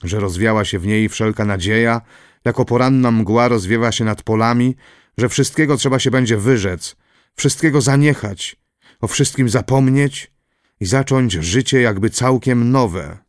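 A man reading a historical novel aloud as an audiobook narrator, in a measured, solemn way. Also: mid-range voice, no echo, studio quality.

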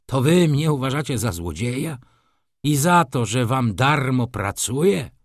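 A man voicing an aging, proud and irritable male shop manager who mutters low and flares up in anger. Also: lively intonation, measured pace, dry recording. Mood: angry. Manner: muttering low, then bursting out angrily.

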